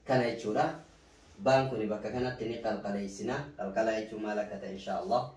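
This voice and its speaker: A male Quran reading teacher who slowly chants Arabic syllables one by one, then drops into quick, low explanations. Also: steady tone, darkish tone. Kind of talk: spelling out Arabic letters in a slow chant, then explaining in Oromo. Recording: echoey room, voice somewhat far from the mic.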